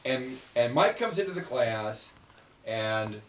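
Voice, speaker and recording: A man in his forties telling animated, laughing stories to old classmates at a reunion. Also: medium pitch, slow pace. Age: 40s. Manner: animated, laughing, many restarts. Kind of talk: casual reunion storytelling. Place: reunion gathering indoors. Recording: echoey room, far from the mic, loud background noise.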